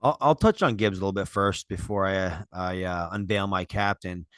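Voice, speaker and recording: A man co-hosting a casual sports talk, giving earnest, measured fantasy football analysis with many fillers. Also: deep voice, a bit bright, clean tone, dry recording, studio quality. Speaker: podcast co-host.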